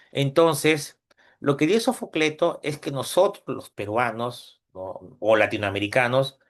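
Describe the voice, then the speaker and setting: A man's voice: fairly high pitch, a bit bright. A middle-aged Peruvian man giving a conversational university lecture, often tagging his points with questions to his students. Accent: Peruvian Spanish. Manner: conversational, frequent tag questions; retells anecdotes with quoted voices. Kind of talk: classroom lecture.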